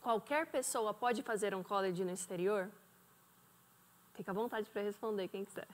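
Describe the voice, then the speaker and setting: A woman's voice: mid-range voice, normal speed. A woman hosting a studio panel talk, asking questions and backing up her guests with short affirmations. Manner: encouraging, many short affirmations. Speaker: talk show host. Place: TV studio set. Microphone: handheld mic.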